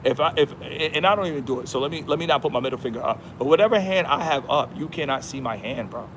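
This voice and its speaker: A man's voice: on the high side, quick pace, background noise. A man hosting a casual livestream outdoors. He talks in a slangy, emphatic, repetitive way and says "bro" a lot. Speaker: livestream host.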